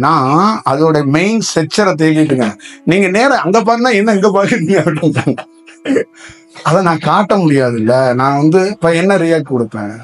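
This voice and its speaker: Spiritual teacher, male, slightly raised voice, loose rambling delivery, faint music underneath. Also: on the high side. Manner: rambling, asks many rhetorical questions. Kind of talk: spiritual discourse to listeners.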